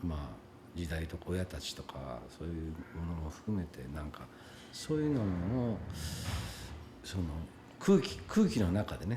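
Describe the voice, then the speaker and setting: Low, lively-pitched man, reflective actor in an interview, hesitant with fillers, over a noisy background. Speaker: actor interviewed about his film. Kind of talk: casual interview answers.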